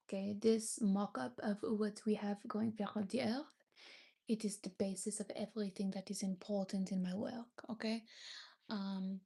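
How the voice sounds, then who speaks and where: A woman's voice: mid-range voice, fairly even intonation, moderate pace, gravelly, mellow, breathy edge. A young woman from France, a native French speaker with a French accent, chatting casually on her livestream, thanking viewers and sometimes searching for English words. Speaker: livestream host.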